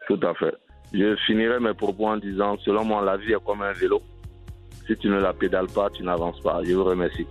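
A man's voice: on the low side, flat delivery, a little fast, soft background music. A man with an Ivorian French accent, a cycling advocate answering interview questions earnestly and often restarting his phrases. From Côte d'Ivoire. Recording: dry, tinny phone-line sound.

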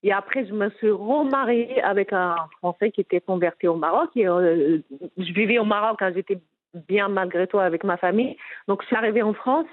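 A woman's voice: medium pitch, fairly quick. A middle-aged woman speaks French with a strong Moroccan accent, earnest and insistent, often stumbling and restarting as she presses her point. Her voice comes through a narrow, phone-like band. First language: Moroccan Arabic. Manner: earnest, emphatic, frequent restarts. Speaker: interviewee, businesswoman. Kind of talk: candid personal interview.

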